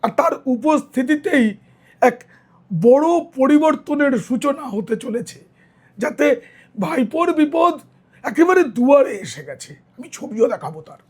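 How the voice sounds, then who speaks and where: A middle-aged male journalist delivers political news commentary, addressing viewers directly and earnestly. His voice is very high, hoarse and tired yet a little mellow, and very animated. He speaks in an unhurried way.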